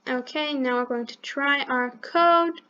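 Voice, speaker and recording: Unhurried and sharp-toned, this high-voiced woman teaches coding on her channel via screen recording. The audio has cut-off highs and a little hiss or hum, and she reasons aloud step by step, fixing her own mistakes as she clicks through the program.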